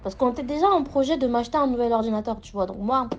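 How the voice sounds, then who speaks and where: A woman's voice: on the high side, fast, muffled recording. Casual young woman recounting a story. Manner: rambling, full of fillers and restarts. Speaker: storyteller sharing a personal experience.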